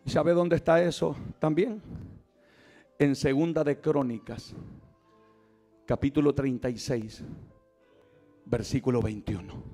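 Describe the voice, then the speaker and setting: A man's voice: mid-range voice, steady tone, takes it slowly, pauses often, mellow, faint music behind. A man preaching an impassioned Pentecostal sermon as pastor at a church service, calling out to the congregation.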